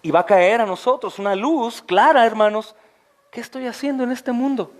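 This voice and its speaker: A man over forty delivers an impassioned expository sermon from the pulpit. His voice sits high for a man and climbs higher still on emphatic questions. He keeps turning to his listeners and calling them brothers. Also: normal speed. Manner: often addresses listeners as brothers. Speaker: pastor.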